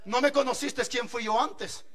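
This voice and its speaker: A man's voice: very high-pitched, unhurried, a bit bright. A man voicing a quarrelsome churchwoman who makes defiant threats. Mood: threatening.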